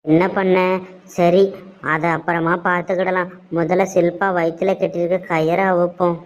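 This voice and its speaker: Cartoon role: remorseful, scheming young man, played by a woman, Tirunelveli Tamil accent, low flat delivery. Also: moderate pace, natural voice. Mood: guilty musing. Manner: pleading, theatrical. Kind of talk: cartoon voice acting. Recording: dull lo-fi sound.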